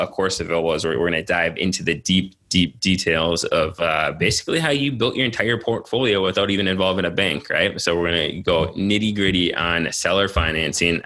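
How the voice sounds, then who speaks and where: A man's voice: deep voice, pushed and bright. A man co-hosting a podcast in casual chat, with an informal, slangy way of talking. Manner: informal, slangy, often addressing his co-host as man and dude. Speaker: podcast co-host.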